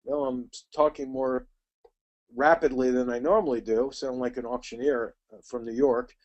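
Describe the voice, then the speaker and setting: Fast-talking man teaching a trading webinar. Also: mid-range voice, fairly even intonation, highs cut off. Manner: quick, chatty, addresses attendees by name.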